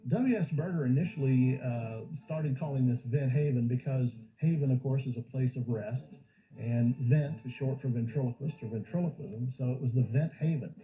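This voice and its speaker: A man's voice: medium pitch, normal speed. A man speaking as a museum guide in an informal documentary interview, explaining and telling stories. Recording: muffled audio with music behind. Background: background music.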